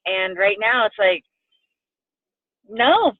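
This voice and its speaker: A woman's voice: medium pitch, lively intonation, slow, no echo. Woman from Puerto Rico, effusive, emotional, video call, thin phone-like audio, dry. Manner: effusive, gushing, tearful at times. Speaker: coaching client guest. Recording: tinny phone-like line.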